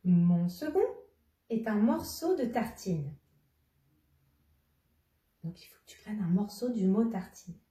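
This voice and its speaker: Slow, patient woman teacher in a roomy room. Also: mid-range voice, expressive, mellow. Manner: slow, patient, addresses a child directly, repeats clues. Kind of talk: children's lesson, riddles. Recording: roomy, somewhat distant mic.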